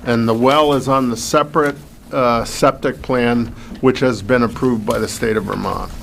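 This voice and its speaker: A man giving an unscripted, halting explanation as an applicant at a public hearing. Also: mid-range voice, steady tone, gravelly, fairly bright tone. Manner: halting, searching for words. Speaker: applicant presenting a land plan. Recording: faint meeting room noise.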